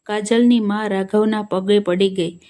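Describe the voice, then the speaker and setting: A woman narrating a sad story, telling it slowly and earnestly and voicing the dialogue herself. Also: mid-range voice, steady tone, mellow.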